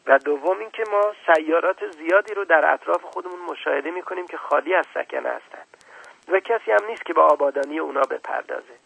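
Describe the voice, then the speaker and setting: A man playing a proud, gravelly old scientist. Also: fairly high pitch, a bit bright, dry recording, pitched above the performer's own voice, full character voice, low-quality recording. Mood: lecturing. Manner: lecturing, condescending. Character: old male scientist, proud, dismissive and impatient.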